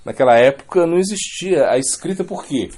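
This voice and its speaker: Mellow-voiced man giving a rambling talk. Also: fairly high pitch, lively intonation, brisk. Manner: rambling, repeats words, many "né?" asides. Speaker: spiritual teacher. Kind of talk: informal religious lecture.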